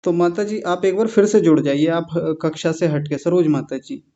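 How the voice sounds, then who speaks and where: A male teacher giving an online class lecture on yoga philosophy, patiently explaining Sanskrit terms and slowing down to spell them out. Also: on the high side, dark tone. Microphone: video call. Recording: dull lo-fi video call audio.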